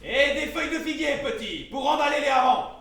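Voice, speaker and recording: A man's voice: very high voice, expressive, a little fast, sharp tone, exaggerated voice. A man playing a vain, pompous, easily offended general in a stage comedy, declaiming his lines. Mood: vain, indignant. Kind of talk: comic stage theatre acting. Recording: echoey hall from far off, faint noise.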